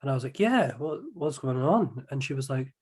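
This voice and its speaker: A man chatting casually over a whisky and cheese tasting and telling lively stories with many restarts. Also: medium pitch, moderate pace, breathy edge. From Scotland. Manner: lively storyteller, restarts his sentences. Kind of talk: casual tasting chat and anecdotes.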